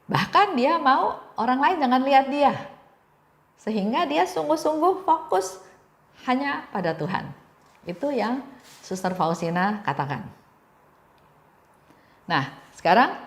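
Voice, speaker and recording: Woman giving a gentle devotional talk. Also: fairly high pitch, lively intonation, measured pace, long pauses, echoey room. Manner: gentle storytelling with repeated phrases.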